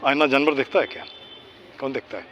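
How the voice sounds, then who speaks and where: A man teaching school students outdoors, lecturing and firing rhetorical questions. He slows down and speaks deliberately whenever he switches into English. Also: mid-range voice, a bit bright. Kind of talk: informal lecture with quiz questions. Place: outdoors in a park.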